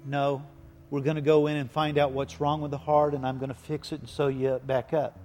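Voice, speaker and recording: A man voicing a stern male surgeon who explains things in a quick, firm way. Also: on the high side, little pitch movement, a little mellow, natural voice. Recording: echoey hall with faint music.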